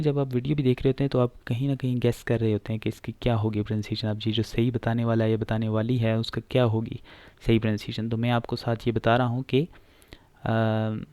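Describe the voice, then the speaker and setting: A man's voice: medium pitch, warm tone, no echo. A man teaching pronunciation, explaining patiently and repeating each word several times, with frequent filler sounds.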